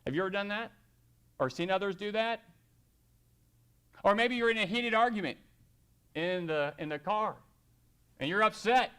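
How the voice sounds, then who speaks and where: Bright, clear-voiced male preacher. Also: high-pitched. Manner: conversational preaching, quoting scripture slowly and acting out everyday scenes. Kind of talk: sermon.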